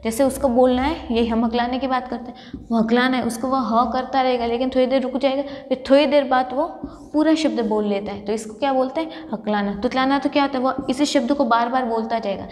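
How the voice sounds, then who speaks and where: High-voiced woman lecturing in an echoey hall. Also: a little fast, a little mellow. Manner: explains by asking and answering her own questions. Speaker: college lecturer. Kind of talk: classroom lecture.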